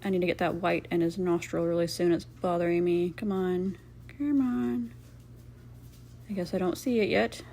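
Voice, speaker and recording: A woman's voice: fairly low pitch, fairly even intonation, normal speed, creaky, mellow, slight background noise. A woman giving casual, rambling craft voice-over commentary as host, playfully sarcastic and self-deprecating.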